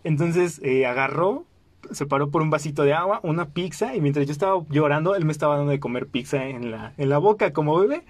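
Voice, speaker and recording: A young man with a Mexican Spanish accent, telling a funny personal story in a casual, animated way. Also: on the high side, brisk, dry recording. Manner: animated, acts out quoted voices, frequent fillers. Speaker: podcast host.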